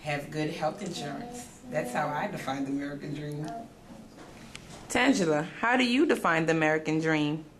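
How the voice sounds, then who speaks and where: A woman's voice: low voice, normal speed, a crowd in the background. A woman speaking casually and unscripted in a home video. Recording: echoey room, distant mic.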